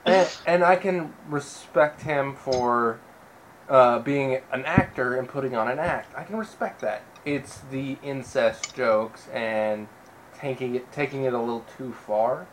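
A man co-hosting a casual podcast, blunt and sarcastic, dropping profanity freely. His voice sits at an ordinary middle pitch. There is a faint hiss of room ambience behind him. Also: a little slow. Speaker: podcast co-host. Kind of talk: casual chat.

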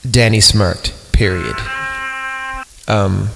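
A man hosting a podcast reads a horror story aloud for comedy in a low, creaky, very slow voice with fairly even intonation. Irreverent and mock-disgusted, he often breaks off for casual asides, with music playing in the background.

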